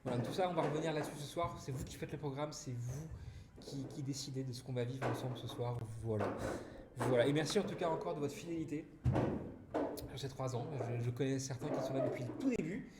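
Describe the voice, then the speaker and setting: A male streamer talks casually to his chat, thanking viewers and reading their messages aloud. He speaks at an ordinary pitch, with frequent restarts and fillers. The sound is roomy and echoey, with loud noise underneath. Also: quick pace. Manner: chatty and warm toward chat, frequent restarts and "voilà". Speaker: streamer hosting an anniversary live.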